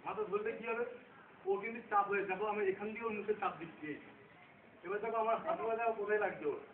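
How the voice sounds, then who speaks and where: Fast and high-pitched, the man runs a live self-defence demonstration, checking in often with his students. Expect a roomy, faraway, phone-like recording with loud noise.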